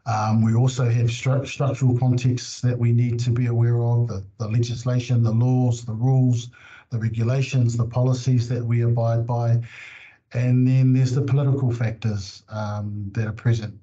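A man, a professor giving a measured, reflective webinar presentation with frequent fillers over a video call. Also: mid-range voice, level tone, warm tone. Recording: muffled video call audio.

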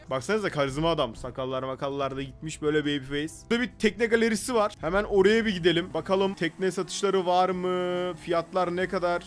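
A man giving casual, excitable gameplay commentary and chatting to his game character as a video host. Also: on the high side.

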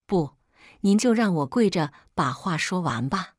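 A woman's voice: lowish voice, lively intonation, measured pace, dry recording, clean studio sound. A woman voicing a manipulative young pregnant daughter who pleads and stammers, in scripted storytelling. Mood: pleading.

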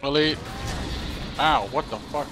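A young man casually commentating a shooter game with a friend, swearing, yelling and laughing in frustration. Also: fairly high pitch, measured pace, music in the background. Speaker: gamer co-host.

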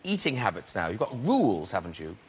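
A man's voice: low-pitched, huge pitch swings, fast. A man with an Irish accent hosting a chat show, teasing his guests playfully. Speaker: talk show host. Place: TV studio with live audience. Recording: loud studio audience and noise.

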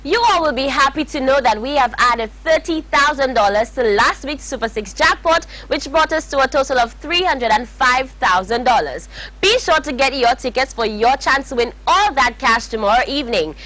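A young woman presenting a scripted televised lottery draw, announcing numbers in a formal, measured way. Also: high-pitched, expressive, a bit bright, poor audio. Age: young adult. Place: TV studio. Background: faint music.

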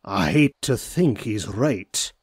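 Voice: medium pitch, lively intonation, takes it slowly, no echo, studio quality. A performer voicing a cantankerous, scolding old male duck, a rich miser in a cartoon comic dub. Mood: grudging. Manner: gruff, scolding, insulting. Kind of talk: amateur comic dub acting.

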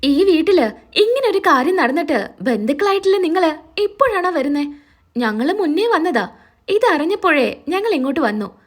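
A woman's voice: very high-pitched, big pitch swings, normal speed. A woman voicing an emotional older sister who frets over her brother and scolds her family. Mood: reproachful.

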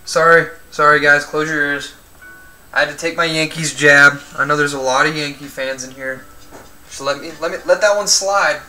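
A male card break host runs a live stream, reading player names aloud off cards as he opens them and chatting with viewers in between, even joking about yawning. His fairly high voice is steady, pushed and bright at normal speed. There is slight background noise.

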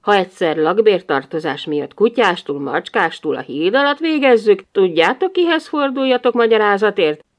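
A woman's voice: mid-range voice, lively intonation. Wry woman narrating an audiobook. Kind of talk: scripted narration of a humorous novel.

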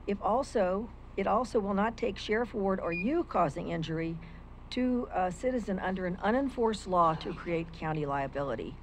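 Reading a prepared legal argument for public comment, an older woman from the United States speaks into a stand microphone at a lectern in an indoor county meeting room. Formal and argumentative, she quotes legal texts in a mid-range voice at a moderate pace, with background noise.

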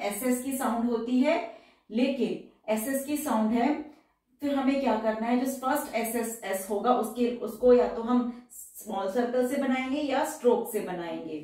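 दूर माइक से गूंजती आवाज़ में पढ़ाती महिला, गहरा स्वर. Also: female voice, a little high, dark tone, far from the mic. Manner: slow, careful repetition of example words. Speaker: shorthand teacher. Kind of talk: step-by-step tutorial. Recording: echoey room, voice off-mic.

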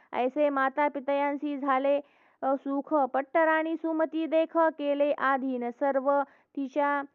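A woman reading devotional verse aloud in a steady, chanting cadence, as a scripture reader. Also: high-pitched, no room sound. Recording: tinny phone-like dry recording.

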